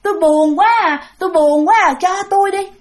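A woman's voice: very high voice, fairly quick, voice pushed up. A woman voicing a pleading female ghost who wants to take a baby, in a whiny, begging sing-song. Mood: mournful.

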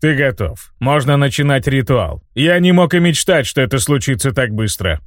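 A man's voice: mid-range voice, animated, normal speed, dry recording, clean studio sound, close to an everyday voice. A man voicing a scheming, boastful old male mage who gloats and cackles, in an audiobook reading. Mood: excited. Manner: gloating, theatrical, breaks into laughter.

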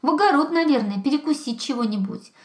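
A woman's voice: high voice, animated, fast talker, pitched above the performer's own voice. A woman voicing an anxious, kind little hedgehog in a storybook, in an echoey room. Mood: worried.

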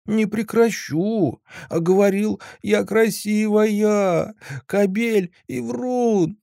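A man's voice: high-pitched, drawn-out words, creaky, dark tone, no room sound, clean studio sound, pitched above the performer's own voice, exaggerated voice. A man voicing a tearful, petulant young female android in an audiobook, with sulky, sobbing pleading. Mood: weeping reproach. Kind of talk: audiobook character voice.

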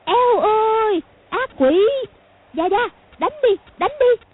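A shrill, stammering young woman, simple-minded and terrified, as a woman reading an audiobook puts her on. Her voice leaps very high and breaks into repeated fragments. The sound is thin and tinny, like a phone line. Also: animated, slow, a little hiss or hum, full character voice. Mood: panicked shrieking. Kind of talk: audiobook character voice.

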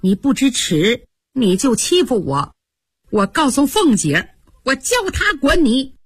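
A woman voicing a loyal, quick-witted young maid who talks fast and chides sharply, with a husky voice. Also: high-pitched, big pitch swings, no room sound, pitched above the performer's own voice, full character voice. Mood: angry. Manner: quick, chiding, clever.

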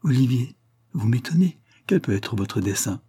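A man's voice: mid-range voice, expressive, moderate pace, dark tone, slightly rough, dry recording, studio quality. A man reading aloud, voicing a frightened young woman prisoner in a trembling, pleading way.

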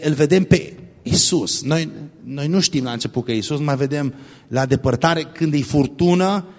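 A man giving a lively youth sermon, directing listeners as they act out a scene. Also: sits high. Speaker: youth preacher. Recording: echoey hall.

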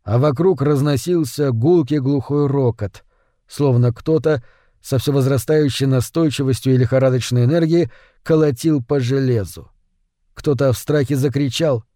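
Warm-voiced male audiobook narrator. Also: medium pitch, moderate pace, no echo, clean studio sound. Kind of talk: scripted narration.

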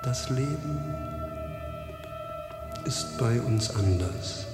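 An actor playing a brooding, solitary vampire count in a German radio play, speaking slowly and theatrically. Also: male voice, mid-range voice, animated. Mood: brooding menace. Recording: cavernous reverb under loud music.

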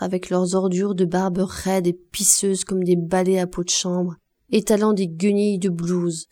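A woman reading a classic novel aloud as an audiobook narrator, in a measured, expressive way. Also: medium pitch. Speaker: audiobook reader.

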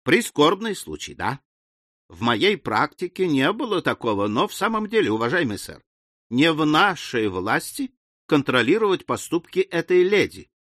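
Man doing a fussy little lawyer, raised pitch, lively, dry audiobook. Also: normal speed, dry recording. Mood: hushed. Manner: fussy, placating, urging calm. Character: small fussy middle-aged lawyer man.

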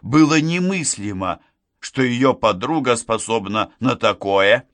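A man narrating an audiobook in a measured, deliberate reading. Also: medium pitch, lively intonation, fairly bright tone, dry recording. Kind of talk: scripted narration.

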